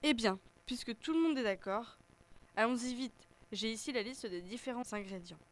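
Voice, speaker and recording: A woman voicing a small, gentle female fairy who keeps order, in a measured storybook voice. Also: on the high side, lightly acted. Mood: calm, firm.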